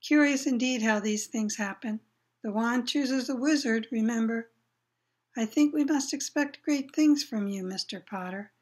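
A woman voicing an eccentric old male wandmaker, fussy and eerie, moving from low murmurs to excited cries. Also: measured pace, close to an everyday voice. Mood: hushed, intent.

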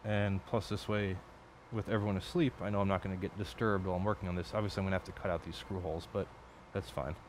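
Low-voiced man rambling at a workbench. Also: steady tone, fast talker, hardly any pauses, slight background noise. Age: adult. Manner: rambling, profane, self-correcting. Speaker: electronics hobbyist streamer. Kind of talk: casual build commentary. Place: home workbench at night.

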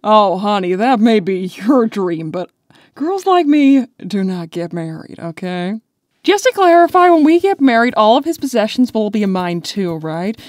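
A woman's voice: medium pitch, big pitch swings, moderate pace, darkish tone, dry recording, studio quality, close to an everyday voice. A woman voicing a sultry, teasing female bat treasure hunter with a flirty, sassy drawl in a cartoon comic dub.

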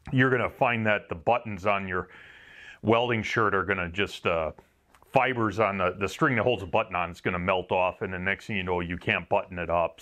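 This welder talks through his gear in a lowish, slightly bright voice with a Wisconsin accent. He's casual and meandering, makes fun of himself, and lets some swearing slip.

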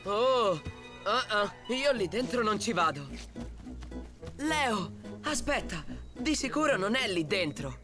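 Timid cartoon tiger cub, animated swoops, drawn-out delivery, dramatic, whiny, cavernous reverb. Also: medium pitch. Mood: reluctant, alarmed. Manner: dramatic, exclaiming, reluctant. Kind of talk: animated children's cartoon dub. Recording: long cavernous reverb, music behind.

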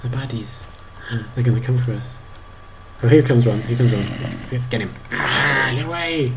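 A man in his thirties narrating a video game to his toddler, animated, exclaiming and making playful sound effects. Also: mid-range voice, moderate pace, heavy background noise. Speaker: parent playing a video game.

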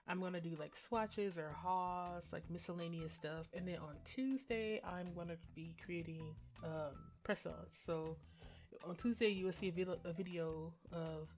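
A woman with a fairly low voice narrates her nail art tutorial in a casual, chatty voice-over. She rambles, using fillers and restarting sentences.

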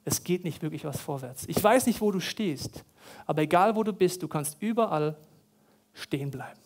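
A pastor delivers a sermon in a voice that sits noticeably high for a man. He is expressive and speaks at normal speed, telling stories dramatically and driving points home through repeated phrases.

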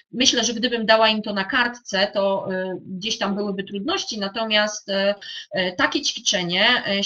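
A woman's voice: medium pitch, sharp tone. A woman teacher explaining a classroom activity to other teachers, with many fillers and restarts. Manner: addresses fellow teachers directly. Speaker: primary school teacher. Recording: dull lo-fi sound.

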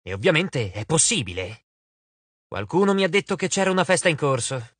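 A man's voice: on the high side, big pitch swings, fairly quick, a bit bright, slightly rough, no room sound, full character voice. A man voicing a vain, lordly male god of wine in an audiobook, drawling and dismissive. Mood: drawling, bored. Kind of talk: audiobook character voice.

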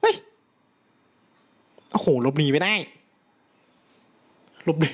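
A young man giving casual gameplay commentary, excitable, breaking into loud exclamations and talking to viewers. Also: slow.

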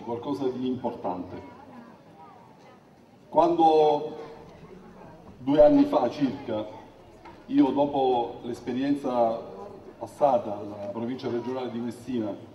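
A middle-aged man with a Sicilian accent delivering an emphatic political rally speech in halting, repeated phrases. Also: medium pitch, lo-fi sound. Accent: Sicilian Italian. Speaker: campaign speaker. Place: outdoor stage before a crowd at night. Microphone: podium microphone, not close. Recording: echoey public-address, distant from mic.

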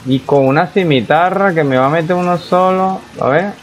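A man's voice: fairly high pitch, normal speed, a little hiss or hum, rough recording. A young man, commenting casually on a survival game as he plays and reacting aloud to what happens on screen. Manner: chatty, reacts aloud to the game, talks to himself. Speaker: gaming YouTuber. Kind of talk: casual let's-play commentary.

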